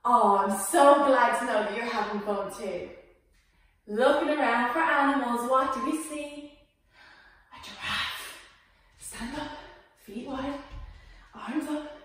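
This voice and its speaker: A woman's voice: fairly high pitch, a bit bright. Playful woman in an echoey room. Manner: playful, sing-song, encouraging, makes animal sounds. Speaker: kids' yoga teacher. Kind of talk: guided yoga lesson for children. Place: indoor room. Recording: echoey room, voice from far off the mic.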